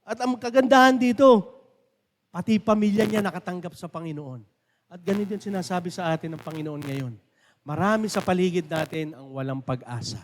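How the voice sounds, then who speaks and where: A man with a Filipino accent preaching a sermon as pastor, swinging between loud and soft emphasis and putting questions to the congregation. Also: high-pitched, long reverb tail.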